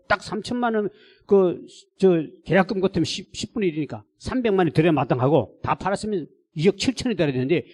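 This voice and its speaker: A man preaching a revival sermon in a husky, somewhat high voice. His pitch leaps and swoops as he tells a story in a colloquial, emphatic way. He hammers key phrases home through repetition. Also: darkish tone. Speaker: guest pastor at a revival meeting. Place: church service.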